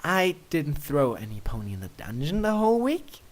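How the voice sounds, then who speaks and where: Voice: mid-range voice, big pitch swings, moderate pace, natural voice. A narrator playing Princess Luna, swooping, teasing pony royalty. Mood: proud, playful. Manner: teasing, regal, coy. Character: playful, smug, flirty pony princess, female.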